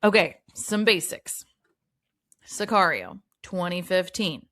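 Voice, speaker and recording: A woman's voice: fairly low pitch, expressive, slow, fairly bright tone. A woman co-hosting a film podcast, chatting casually, swearing freely and joking at her own expense. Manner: profane, self-deprecating, chatty. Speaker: podcast co-host.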